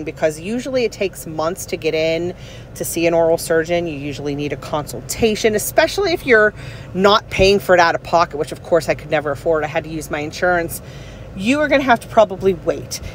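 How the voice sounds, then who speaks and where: Woman in her forties, slightly low voice, casual rambling vlog delivery, emphatic, faint urban background noise. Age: 40s. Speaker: vlogger. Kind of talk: casual chat recounting a personal experience.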